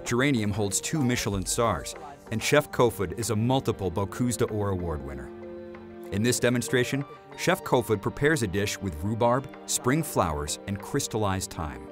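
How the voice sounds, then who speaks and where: A male narrator delivers a scripted introduction in a lowish voice with a lively, rising and falling pitch. Clear music plays beneath the voice-over. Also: moderate pace.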